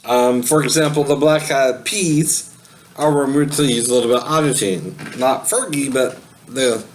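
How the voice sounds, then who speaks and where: With a rough recording and a faint hiss or hum, a man in the middle vocal range teaches singing at a moderate pace. He keeps the lesson casual and spoken, rambling, laughing frequently and asking "right?" to confirm the listener is keeping up.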